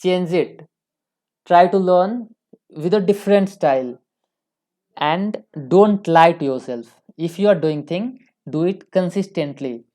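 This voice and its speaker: A woman's voice: fairly low pitch, slow, warm tone. A woman with an Indian accent giving earnest advice as an English tutor, often correcting herself mid-sentence. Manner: earnest, advising, frequent self-corrections. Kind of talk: instructional talk to camera.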